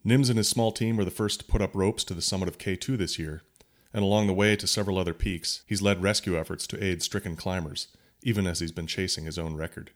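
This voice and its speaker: Deep-voiced man hosting a podcast. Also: fairly even intonation, quick pace. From United States. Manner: hesitant, repeats words when asking. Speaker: podcast host. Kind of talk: casual interview, scripted intro.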